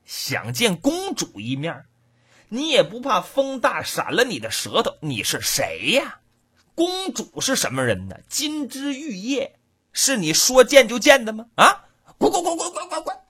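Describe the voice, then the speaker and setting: Contemptuous palace guard, barking and mocking, husky with wild swings up in pitch, as a woman storyteller puts him on. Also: expressive, a little slow, fairly bright tone, no room sound, studio quality.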